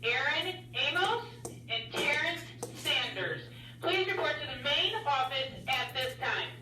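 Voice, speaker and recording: A woman's voice: high voice, animated, unhurried. A woman making a formal announcement over a school intercom, calling students to the main office. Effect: school intercom loudspeaker. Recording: echoey loudspeaker heard from far off.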